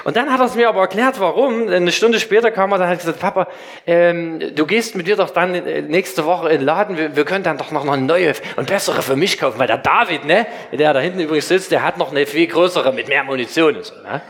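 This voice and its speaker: A man's voice: a little high, a little fast. A middle-aged man preaching a sermon to a congregation in a church, speaking directly to listeners and telling stories about his children. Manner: lively storytelling preacher, direct address. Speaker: pastor.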